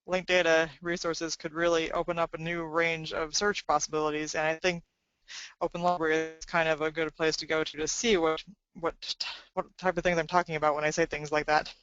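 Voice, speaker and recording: A woman's voice: low voice, flat delivery, brisk, fairly bright tone, clean tone, highs cut off. A woman presenting a library webinar in a conversational way, with frequent fillers.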